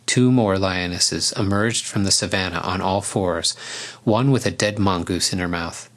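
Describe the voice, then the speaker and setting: Calm male storybook narrator, low-set voice. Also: moderate pace.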